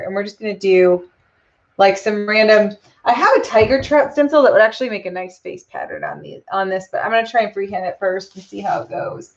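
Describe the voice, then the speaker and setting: Woman host, live painting demo, casual chatty delivery, mid-range voice, dull lo-fi sound. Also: mid-range voice. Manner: relaxed and chatty, frequent ums, answers viewer questions. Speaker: custom lure painter hosting a live stream. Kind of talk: live painting tutorial, thinking aloud.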